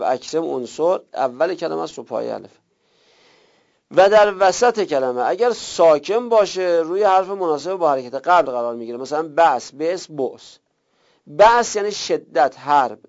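A man's voice: medium pitch, creaky, dull audio. A man teaching a recorded lesson, explaining step by step and repeating examples.

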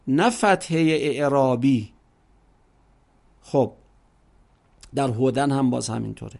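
A man's voice: mid-range voice, darkish tone. A man teaching an Arabic grammar lesson, explaining patiently, drawing words out and asking rhetorical questions.

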